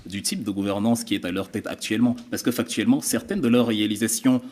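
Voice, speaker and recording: A man arguing his position as a guest on a televised panel debate, pausing now and then to search for words. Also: fairly low pitch, steady tone, darkish tone. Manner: argumentative, pauses to search for words.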